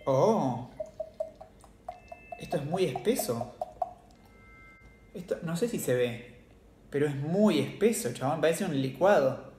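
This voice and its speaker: A man's voice: a little high, expressive, takes it slowly, pauses often, warm tone, roomy sound, a little hiss or hum. A man with an Argentine accent hosting a casual tasting vlog, chatty and slangy, laughing often. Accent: Argentine Spanish. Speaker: cooking channel host.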